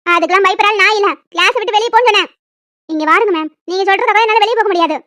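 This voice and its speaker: Animated story: woman voicing a very high-pitched, stubborn college girl, dry close sound. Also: racing, no room sound. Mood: defiant. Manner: bickering, defiant. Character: sharp-tongued young college woman, stubborn.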